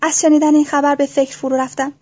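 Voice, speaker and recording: A woman narrating a novel in the first person with a calm, even, soft reading. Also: high-pitched. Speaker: audiobook narrator. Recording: dull lo-fi recording.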